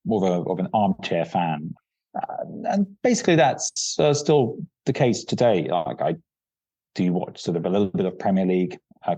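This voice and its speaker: Middle-aged academic guy, deep mellow voice, lots of ums, dead dry dull-sounding remote line. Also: dry recording. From born in Croatia, raised near Vienna, Austria. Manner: hesitant, many fillers and "sort of". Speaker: academic researcher, podcast guest. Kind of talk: conversational interview answer.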